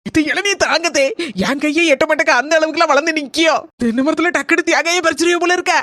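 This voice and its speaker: High, exclaiming woman's cartoon voice. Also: fast, fairly bright tone, dry recording, studio quality. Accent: Kanyakumari Tamil. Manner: exclaiming, comically exasperated. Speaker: voice artist doing cartoon characters. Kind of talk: cartoon comedy voice acting.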